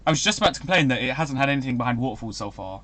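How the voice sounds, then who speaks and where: Excitable rambling young male streamer. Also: mid-range voice, very fast. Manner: chatty, rambling, excitable outbursts. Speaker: streamer playing a video game. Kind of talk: casual live-stream commentary.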